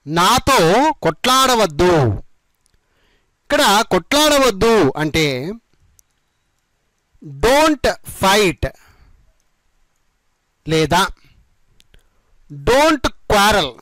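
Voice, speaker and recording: A man with a Telugu accent teaching spoken English, slowly repeating example sentences in a bilingual lesson. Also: high voice, sing-song, sharp tone, no room sound, poor audio. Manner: slow, deliberate repetition of example sentences.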